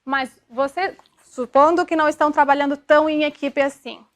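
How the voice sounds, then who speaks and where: High-voiced woman lecturing a class. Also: fairly even intonation, a little fast. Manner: explanatory, checks in with frequent tag questions; demonstrative, sounds out syllables to illustrate. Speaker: optometry lecturer.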